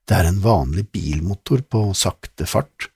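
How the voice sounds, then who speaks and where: A man doing a slow, thoughtful lanky boy. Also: sits low, gravelly, a little mellow, breathy edge, dry recording, studio quality, heavily acted. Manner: slow, deliberate. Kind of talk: audiobook character voice.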